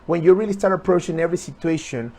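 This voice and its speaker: High-voiced earnest motivational man. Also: quick pace, a little mellow, breathy edge. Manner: earnest, repetitive, urging viewers. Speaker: motivational speaker. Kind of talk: motivational talk on a live stream.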